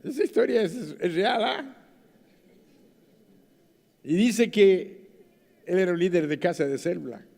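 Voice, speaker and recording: Mexican male pastor, sermon, dramatic soft-to-loud delivery, reverberant church hall. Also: sits high, a little slow, vocal fry, pauses often. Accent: Mexican Spanish.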